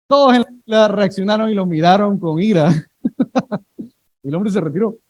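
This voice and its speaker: High-voiced pastor preaching. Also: male voice, no room sound, low-quality recording. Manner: lively storytelling, asks congregation to repeat words. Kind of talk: sermon.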